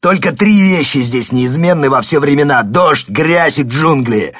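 A man voicing a blustering, domineering old father who mocks his son and bursts into shouting. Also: low voice, normal speed, no room sound, clean studio sound. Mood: furious shouting. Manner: sarcastic, explodes into shouting.

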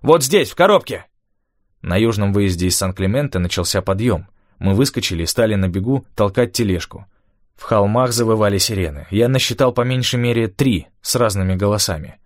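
A man narrating an audiobook in a steady, measured first-person storytelling manner. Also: on the low side, no echo, clean studio sound.

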